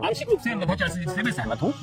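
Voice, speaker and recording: A man's voice: high-pitched, huge pitch swings, rapid-fire, over loud music. A male panelist in a TV debate, arguing insistently for proof. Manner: argumentative, insistent.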